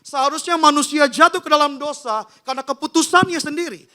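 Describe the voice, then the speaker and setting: A male pastor preaching a sermon in church, animated, acting out quotes and sound effects. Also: extremely high pitch, a little fast. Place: church hall.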